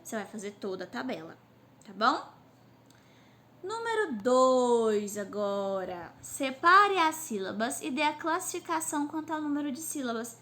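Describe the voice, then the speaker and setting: A woman teacher gives a recorded class lesson to children, sounding out words slowly syllable by syllable, recorded on a phone on a stand. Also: high voice, pushed and bright, slight background noise. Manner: slow syllable-by-syllable drilling.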